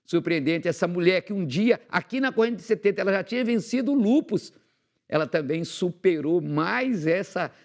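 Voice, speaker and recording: A pastor giving a slow, emphatic introduction to a testimony. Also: male voice, on the high side, vocal fry. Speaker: pastor presenting the program. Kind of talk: dramatic program introduction.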